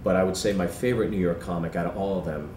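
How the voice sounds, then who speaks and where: A man's voice: low voice, rapid-fire, noisy background. A man, a comedian, talking earnestly as the guest in a casual interview, with a habit of repeating words when he gets keen. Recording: roomy sound from a distant mic.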